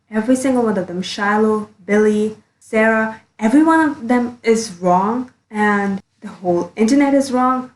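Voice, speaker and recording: A woman's voice: on the high side, darkish tone, roomy sound, poor audio. A woman doing a blunt, earnest commentary monologue as a YouTuber, recording under a blanket. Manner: blunt, earnest, a bit sweary.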